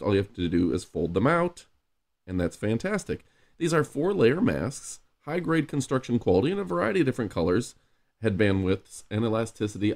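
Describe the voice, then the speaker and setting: A man's voice: fairly low pitch, darkish tone. A man talking through a face mask, giving an enthusiastic, salesy casual product review.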